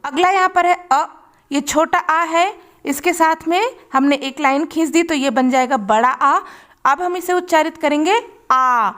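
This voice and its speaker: A woman's voice: sits high, a bit bright. A woman teaching children to read, patiently sounding out letters and syllables one by one. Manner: slow, patient, drawing out sounds. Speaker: Hindi reading teacher. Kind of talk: children's phonics lesson.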